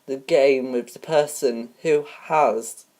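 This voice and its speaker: A woman hosting a homemade game show parody, reading rules and questions in a halting way with many ums and restarts. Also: extremely low pitch, a little mellow.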